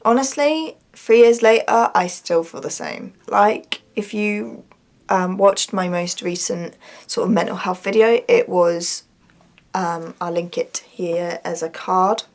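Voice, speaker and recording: A woman's voice: mid-range voice, slow pace. A young woman speaking candidly and informally in a confessional vlog, moving between reading her own diary and explaining it. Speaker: vlogger.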